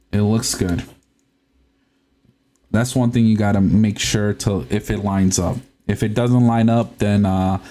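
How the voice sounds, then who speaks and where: Speaking in a low, dark voice, this livestream host is a young man from Puerto Rico whose first language is Spanish. He chats informally as he works on a console, frequently laughing and stumbling over words.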